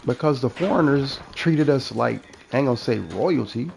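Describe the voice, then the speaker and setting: A man's voice: mid-range voice, normal speed, gravelly, noisy background. A man in casual, profane storytelling chat who acts out the people in his stories as he talks. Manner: profane, animated, acts out quoted dialogue.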